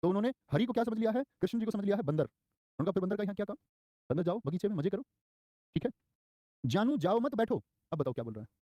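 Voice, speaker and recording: Brief: young male teacher, rapid-fire delivery, a bit high for a man, quizzes and repeats terms, live online class. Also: dry recording, studio quality. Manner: energetic, repeats key terms and quizzes students; acts out short quoted lines in a raised voice. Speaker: Hindi grammar teacher.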